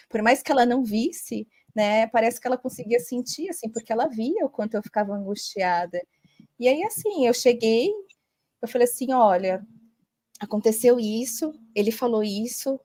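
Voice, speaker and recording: A woman's voice: a little high, darkish tone, no room sound. A woman, a holistic therapist, telling a long personal story as a podcast guest, chatty and full of tag questions.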